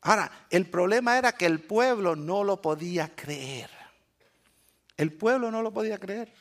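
A male pastor from Cuba, whose voice sits very high and rings bright. He preaches like a lively storyteller, acting out voices and throwing "eh?" back at his listeners. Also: a little slow. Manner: animated storyteller, acts out quotes, asks "eh?" often. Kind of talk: sermon.

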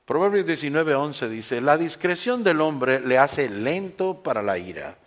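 Male preacher, high lively voice, emphatic sermon delivery with soft asides, church setting. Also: measured pace. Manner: animated, shifts between loud emphatic lines and soft asides; uses mocking voices for quoted people.

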